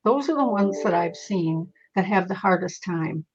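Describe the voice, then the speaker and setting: A woman's voice: on the low side, animated, normal speed, slightly rough. A woman who is a psychic guest in an interview, telling stories animatedly, with frequent fillers and restarts. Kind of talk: conversational storytelling. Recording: dull lo-fi recording.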